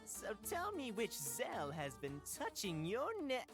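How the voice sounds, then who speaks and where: A woman's voice: medium pitch, huge pitch swings, measured pace, soft background music. A woman voicing a cheeky male bard who mocks his friends in playful, theatrical, mock-archaic phrasing, read aloud from a visual novel. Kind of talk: voice acting while reading a visual novel on stream.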